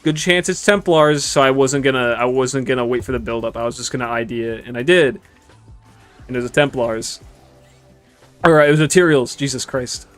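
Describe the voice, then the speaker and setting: A man's voice: medium pitch, fairly quick, faint music behind. Young man casually rambling over gameplay. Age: 20s. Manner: relaxed, rambling, swears casually. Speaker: gaming streamer. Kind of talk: casual gameplay commentary chatting with viewers.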